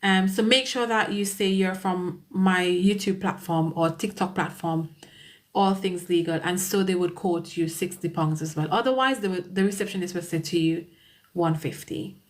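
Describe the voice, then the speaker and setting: An immigration solicitor with a Caribbean accent chats casually on a live stream, greeting viewers by name and laughing often. Her voice is fairly low and moderately paced.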